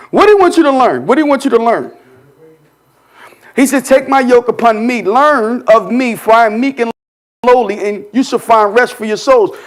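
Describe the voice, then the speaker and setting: A man with a very high, animated voice leads a church Bible study. He preaches in a loose, conversational way, tossing questions at the room and jumping from murmured asides to shouted points. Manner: call-and-response preaching, repeats "huh?" to the congregation; colloquial, swings between quiet asides and shouted emphasis. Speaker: pastor.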